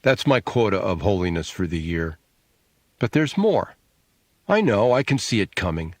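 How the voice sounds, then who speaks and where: A man voicing a sharp-tongued, sarcastic adult sister, needling and scornful, in an audiobook. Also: lowish voice, big pitch swings, normal speed, no echo, studio quality.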